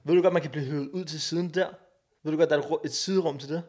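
A man's voice: a little high, fairly even intonation, a little mellow, breathy edge. A young man in his twenties with a Danish accent, co-hosting a podcast in casual chat, acting out voices as he tells stories and swearing freely. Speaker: podcast co-host. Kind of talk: casual chat, animated storytelling.

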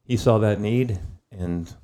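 Deep-voiced man telling military history. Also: dark tone. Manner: thoughtful, storytelling, with pauses and fillers. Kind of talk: conversational history lesson.

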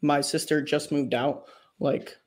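A man's voice: a little high, little pitch movement, a little slow. A man around twenty asking a question on a video call, polite and hesitant with many ums. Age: 20s. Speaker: caller.

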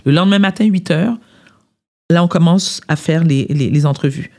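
A man with a Quebec French accent, a former entertainment journalist chatting as a podcast guest, telling animated stories and slipping English phrases into his French. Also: a little high, normal speed. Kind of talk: casual podcast chat.

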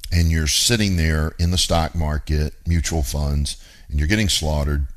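A man hosting a radio show, giving a blunt, emphatic teaching monologue on real estate investing and repeating his key points. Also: very deep voice.

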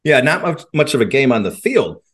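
Animated, opinionated podcast co-host man. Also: mid-range voice, fairly quick. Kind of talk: casual sports podcast chat.

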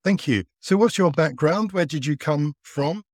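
Co-hosting a podcast, a man opens the show and then asks a guest polite, courteous questions. His voice is a little high and moves at normal speed, recorded dry with no room sound and faint music in the background.

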